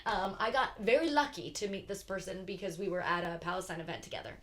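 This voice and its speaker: Rambling, animated young woman podcast guest. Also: medium pitch, fast talker. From Philadelphia. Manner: animated, rambling, lots of fillers. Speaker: podcast guest, actor and writer. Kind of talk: casual conversation.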